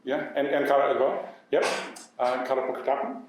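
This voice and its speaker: New male MC, mid pitch, stumbling delivery, distant in a big reverberant hall. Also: steady tone, noisy background. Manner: halting, many uhs and restarts. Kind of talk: hosting an event. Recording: echoey hall from far off.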